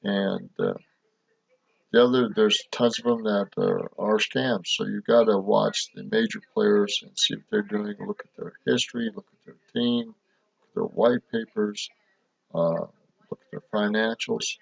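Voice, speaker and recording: A gravelly, husky man from Montana chatting casually in folksy, filler-laden commentary. The recording is dull, dry and lo-fi. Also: lowish voice, fairly even intonation, a little slow, no echo. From Montana, USA. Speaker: video host.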